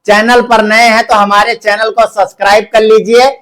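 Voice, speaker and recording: A man telling a string of short jokes in a measured storytelling delivery, over faint background music. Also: high-pitched, little pitch movement, fairly bright tone. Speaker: joke teller. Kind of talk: narrated joke telling.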